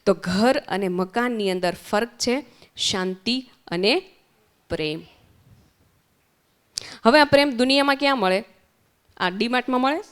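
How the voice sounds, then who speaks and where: A woman with a Gujarati accent leads a lesson for children. She keeps asking the group questions and repeats their answers back. Her voice is slightly high and very clear. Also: unhurried, long pauses. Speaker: spiritual teacher at children's summer camp. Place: centre hall.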